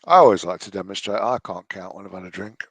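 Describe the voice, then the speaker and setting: A man's voice: sits low, quick pace, a bit bright. An English man in his late forties giving mocking reaction commentary, sarcastic and sweary. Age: late 40s.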